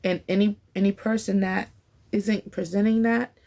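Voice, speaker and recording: A woman in her forties with a gravelly, creaky voice that sits at a middle pitch. She chats casually on a faith-based podcast, encouraging listeners and breaking into laughter often. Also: level tone, moderate pace, dark tone. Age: 40s. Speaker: podcast speaker.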